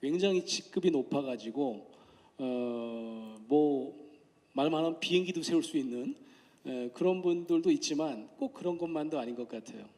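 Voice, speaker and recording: A male professor gives a public lecture, chatting with the audience and acting out voices when he tells stories. His voice sits a little high for a man. The sound carries a long hall reverb. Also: moderate pace, mellow. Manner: conversational, asks the audience questions; acts out quoted voices in anecdotes.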